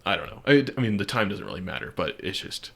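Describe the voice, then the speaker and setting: A man's voice: low voice, sing-song, fast talker, creaky, a bit bright, husky. A young man co-hosting a podcast in casual chat, rambling and hesitant, often trailing off into mumbles. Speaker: podcast co-host. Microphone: podcast microphone.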